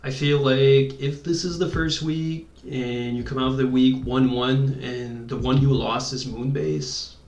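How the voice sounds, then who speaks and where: A man with a French accent doing live, chatty commentary on a competitive online game, reacting quickly to plays. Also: mid-range voice, steady tone, darkish tone. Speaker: esports commentator. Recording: echoey room, distant from mic.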